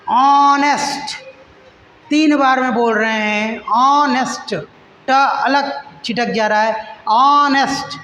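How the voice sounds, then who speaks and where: A male English teacher giving a grammar lesson, who spells and repeats words slowly syllable by syllable and addresses listeners as friends. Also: very high voice, a bit bright. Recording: echoey room with long reverb, faint noise.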